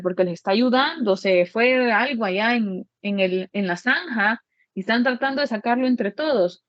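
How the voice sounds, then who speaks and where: A woman's voice: mid-range voice, no echo, lo-fi sound. A woman architect lecturing her students in a plain-spoken way, repeating each point with everyday examples.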